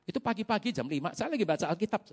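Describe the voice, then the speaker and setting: A man preaching as a pastor, telling a story in a colloquial, animated way and pausing for the congregation's amens. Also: high voice. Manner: animated storytelling with sound effects. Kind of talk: sermon.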